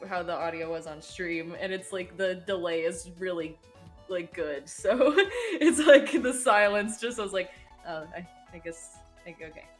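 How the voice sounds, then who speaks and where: A woman's voice: lowish voice, lively intonation, a little slow, faint music behind. A young woman streaming a game, chatting casually and giggling as she reads the lines aloud.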